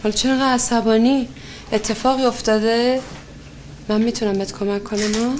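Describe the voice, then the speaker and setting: Film drama: actress as an anxious, overprotective mother, high voice, faint room noise. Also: steady tone, natural voice. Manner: worried, pleading, then heated.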